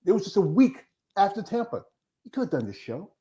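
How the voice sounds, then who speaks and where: A man's voice: sits high, sing-song, a little fast, dark tone. Rambling fifty-something male stream host. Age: 50s. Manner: rambling, jumps between tangents. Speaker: host of a bodybuilding live stream. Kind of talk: casual live-stream chat.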